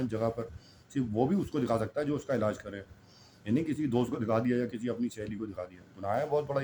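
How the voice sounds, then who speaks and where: A man delivers an admonishing sermon in a mellow, darkish voice. He repeats key lines and asks pointed rhetorical questions. Faint ambient noise sits under his voice. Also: mid-range voice. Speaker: preacher.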